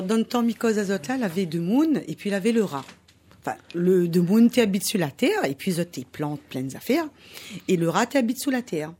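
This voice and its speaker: Storyteller: woman, Réunion Creole French accent, husky, very lively pitch. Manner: animated, laughing, sound effects. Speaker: storyteller guest. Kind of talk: oral folk tale telling.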